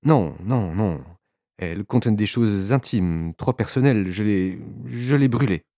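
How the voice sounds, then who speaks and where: A man's voice: lowish voice, lively intonation, measured pace, dark tone, no room sound, studio quality. A man voicing a distressed hypnotized woman who stammers and pleads through tears. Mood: flustered.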